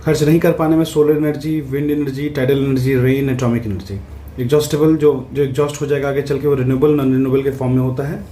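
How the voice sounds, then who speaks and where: A man, an exam prep tutor, explaining answers in a casual lesson, checking in often and reading questions out slowly. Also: medium pitch, mellow, slight background noise. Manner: conversational, repeats "ठीक है" to check in, reads English questions out slowly.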